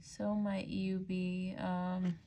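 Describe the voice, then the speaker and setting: A woman's voice: lowish voice, level tone, extremely slow, dark tone, a little hiss or hum. A woman giving a casual tarot reading straight to her viewers, chatty and loose, full of "like" and "um". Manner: chatty, frequent "like" and "um", laughs easily. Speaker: tarot reader.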